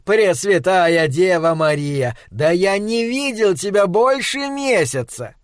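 A man's voice: high-pitched, lively intonation, dry recording, clean studio sound, voice pushed up. A man voicing a jolly plump shopkeeper. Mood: jovial. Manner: loud, drawn-out and theatrical. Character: jolly plump rosy-cheeked male shopkeeper, teasing.

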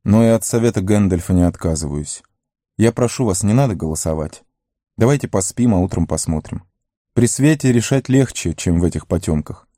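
A man voicing a gentle, weary male hobbit who speaks softly and hesitantly. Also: low voice, expressive, brisk, no echo, studio quality.

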